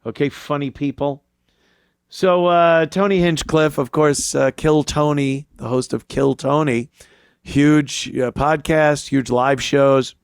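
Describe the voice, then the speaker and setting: A man's voice: on the high side, fairly even intonation, slow pace, clear, resonant tone, no echo, clean studio sound. A man hosting a talk show, giving a casual opinion monologue in a blunt, profane, jaded manner. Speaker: talk show host, comedian.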